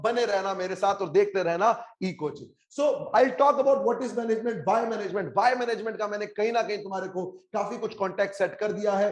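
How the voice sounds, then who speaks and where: Man, Indian English accent, fairly high voice, energetic online coaching teacher, mixes Hindi and English, pushes students to answer in chat. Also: normal speed, few pauses. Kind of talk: live online class.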